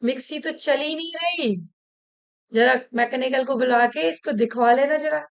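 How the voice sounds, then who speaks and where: Older mother-in-law figure, stern, nagging, traditional, slightly high voice, woman acting it out. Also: measured pace, gravelly. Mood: scolding. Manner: scolding, harks back to old days.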